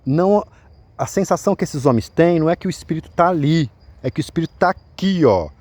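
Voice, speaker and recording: A man's voice: a little high, expressive, fast, darkish tone, no room sound. A man with a Brazilian accent telling viewers a personal account, repeating himself insistently and speaking straight to his listeners. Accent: Brazilian Portuguese. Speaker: vlogger.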